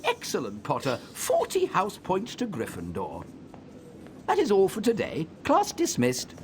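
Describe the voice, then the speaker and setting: Fussy, swooping old professor. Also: male voice, high voice, wildly swooping pitch, measured pace, slight background noise, full character voice. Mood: pleased. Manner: formal, fussy, enunciated. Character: fussy, kindly old male charms professor. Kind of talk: video game cutscene acting, instruction.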